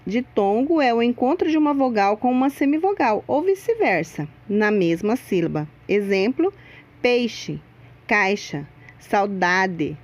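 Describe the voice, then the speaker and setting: A woman teacher giving a scripted grammar lesson, speaking slowly and deliberately and stressing the sounds in example words. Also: a little high. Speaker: Portuguese teacher.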